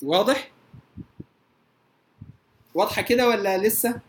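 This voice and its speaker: A woman with an Egyptian Arabic accent teaching Quran recitation rules. She draws out her recited examples slowly and often checks whether her students follow. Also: medium pitch. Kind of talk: tajweed lesson. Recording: roomy echo.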